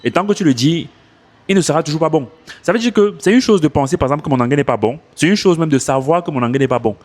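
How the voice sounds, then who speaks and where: A fast-talking man with a higher voice films a casual advice vlog on his phone outdoors, coaching French speakers on learning English. He's animated and repeats his points for emphasis.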